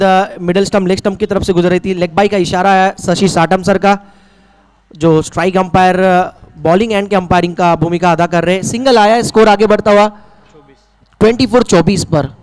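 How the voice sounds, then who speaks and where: High-pitched Indian male cricket commentator. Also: smooth. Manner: repeats scores in English then Hindi. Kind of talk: live ball-by-ball sports commentary.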